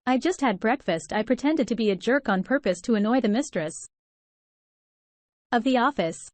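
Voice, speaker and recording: A woman reading a first-person story aloud in an even, steady manner without fillers. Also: a little high, normal speed, no echo. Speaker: story narrator.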